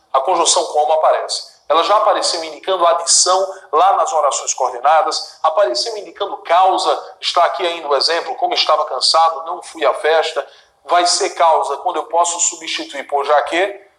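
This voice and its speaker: A man's voice: fairly high pitch, moderate pace, a bit bright, echoey room, poor audio. A man with a Brazilian Portuguese accent teaching an exam-prep grammar lesson in a studio, talking emphatically with frequent asides to the class. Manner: chatty and emphatic, dotted with "olha" and "né?" asides. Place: studio with a director watching.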